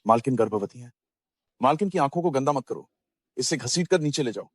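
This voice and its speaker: An actor playing a cold, commanding rich husband in a dubbed drama, giving calm, curt orders. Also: male voice, mid-range voice, fairly quick, husky, no echo.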